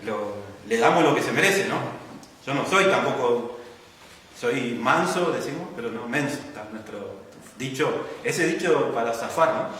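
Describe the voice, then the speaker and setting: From a distance in an echoey church hall, a man with an Argentine accent preaches a sermon, teaching patiently and often tagging his lines with "¿no?" to check in with the congregation. His mid-range voice is expressive and fairly bright, moving at a measured pace, with a little hiss or hum in the audio.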